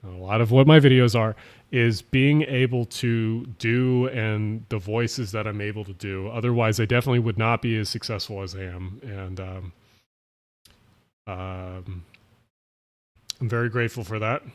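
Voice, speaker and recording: With a lowish voice, fairly even intonation, and normal speed, a slightly tipsy livestream host rambles casually on a late-night stream, answering chat with plenty of fillers and restarts. He's from South Jersey, USA, and has a South Jersey accent.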